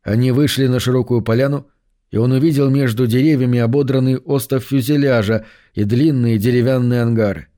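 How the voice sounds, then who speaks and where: A man narrating a science fiction audiobook in an even, measured way. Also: medium pitch.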